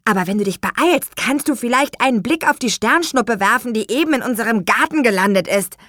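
Woman doing an excitable, impatient young boy. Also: fairly high pitch, a little fast, dry recording, studio quality, pitched above the performer's own voice. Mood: excited. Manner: eager, exclaiming. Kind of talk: audiobook character voice.

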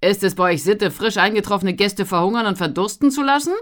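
A narrator voicing a jovial, stocky peddler in his thirties, calling out loudly and cheerfully in an audiobook. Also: very animated, moderate pace, natural voice. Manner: loud, cheerful, booming calls. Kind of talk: audiobook character voice.

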